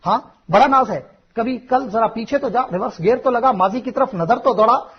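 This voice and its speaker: A man's voice: very high voice, moderate pace, slightly rough. A man preaching a fiery sermon, speaking emphatically and rhetorically and addressing the listener directly. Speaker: Islamic preacher. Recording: muffled, lo-fi sermon recording.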